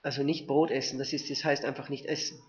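A man's voice: mid-range voice, little pitch movement, fast talker. A man reading a Bible passage aloud and commenting on it between verses, sometimes restarting his sentences. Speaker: preacher. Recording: dull lo-fi recording.

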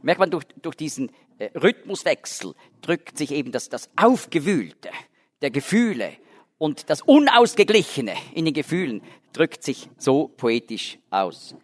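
A man's voice: on the high side, sing-song, a little slow. A man giving a Bible lecture, explaining word by word with frequent restarts and fillers, stressing key words. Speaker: Bible teacher. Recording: long hall reverb.

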